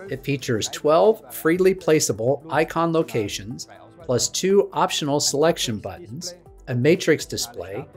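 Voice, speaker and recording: A man's voice: fairly high pitch, big pitch swings, a little slow, soft background music. Man presenting a product keynote. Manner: polished, promotional delivery. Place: studio stage with dark backdrop.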